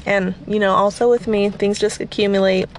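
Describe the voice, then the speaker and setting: A woman hosting a podcast, talking through a casual guided cleaning session early in the morning at home, her voice slightly raspy from just waking up, chatty and rambling with self-deprecating asides. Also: mid-range voice, flat delivery, normal speed, slight background noise. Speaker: podcast host.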